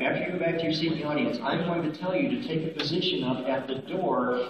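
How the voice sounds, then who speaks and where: A man working as a stage hypnotist, giving slow, repetitive suggestions to volunteers in a school gym, sometimes shouting playful lines for them to repeat. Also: on the high side. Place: school gym with a live audience. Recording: distant echoey gym recording, muffled, with a loud crowd.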